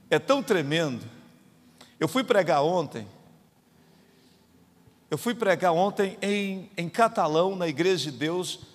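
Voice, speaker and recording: Fervent Brazilian pastor in a reverberant church. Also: male voice, on the high side. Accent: Brazilian Portuguese, Goiás. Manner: emphatic, storytelling preacher, rising to fervent peaks. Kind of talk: sermon. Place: church sanctuary. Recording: long church hall reverb.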